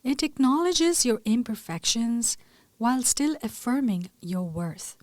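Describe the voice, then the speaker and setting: In a fairly high voice with big pitch swings, a woman leads a calm, scripted guided meditation at a measured pace. Her soft delivery turns breathy as each phrase trails off, and the recording has no room sound.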